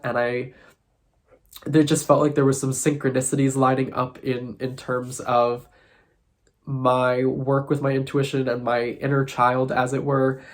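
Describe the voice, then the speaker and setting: A man whose voice sounds nasal and congested from sinus trouble talks through a casual vlog. His delivery is thoughtful and musing. His pitch stays fairly flat and even throughout. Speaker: tarot content creator.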